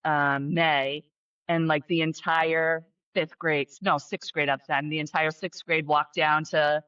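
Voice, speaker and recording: Bright-voiced chatty woman teacher. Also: sits low, measured pace, clean tone, no echo. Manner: chatty, many fillers and restarts, bursts of excitement. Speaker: special education teacher, guest. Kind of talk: casual interview conversation. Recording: dull, muffled sound.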